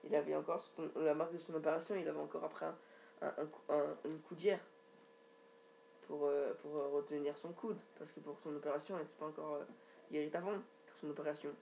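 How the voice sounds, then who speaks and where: A man's voice: a little high, flat delivery, a little fast, creaky, darkish tone, slight background noise. A man giving a casual, rambling recap from his home computer, with many restarts and fillers. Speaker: wrestling recap vlogger.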